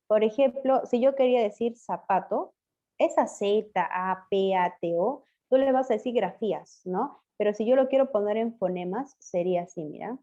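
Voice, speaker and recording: A woman teacher giving an online language class, patiently quizzing her pupils and spelling words out slowly. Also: medium pitch, dark tone. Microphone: video call. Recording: muffled lo-fi video call audio.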